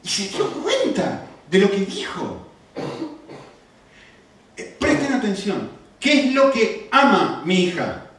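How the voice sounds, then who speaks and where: A man's voice: high-pitched, takes it slowly, long pauses. A middle-aged man with an Argentine accent preaching a sermon, telling stories and firing off rhetorical questions. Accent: Argentine Spanish. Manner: animated storytelling with rhetorical questions. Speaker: pastor. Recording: echoey room, far from the mic.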